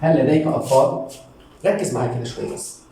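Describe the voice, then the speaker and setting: A man with an Egyptian Arabic accent, teaching beginner English. He says English phrases slowly and over again, then explains them quickly in Arabic. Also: mid-range voice, mellow, recorded from a distance, a little hiss or hum. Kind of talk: language lesson for beginners. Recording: echoey room, voice away from mic.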